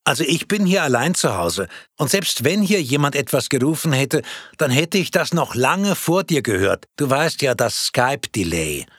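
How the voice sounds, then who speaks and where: A man voicing a calm, matter-of-fact friend speaking over a video call in a read-aloud story. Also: mid-range voice, normal speed, dry recording, studio quality, pitched above the performer's own voice. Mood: calm, reasoning.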